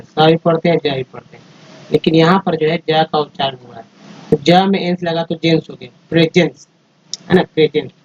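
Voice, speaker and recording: A man's voice: on the high side, a little mellow, breathy edge. A man teaching English phonics over slides, patiently spelling out letters and sounding out words one by one. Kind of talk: slide-based phonics lesson. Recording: dull lo-fi recording.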